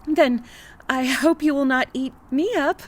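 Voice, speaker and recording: Timid young girl voiced by a woman, polite, earnest, higher, storybook. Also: measured pace. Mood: playful.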